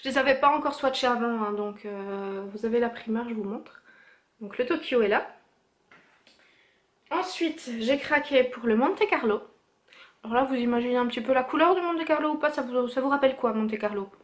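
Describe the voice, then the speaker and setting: A woman's voice: a little high, moderate pace. Chatty young woman beauty vlogger. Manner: chatty, many fillers and self-corrections. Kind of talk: casual haul video.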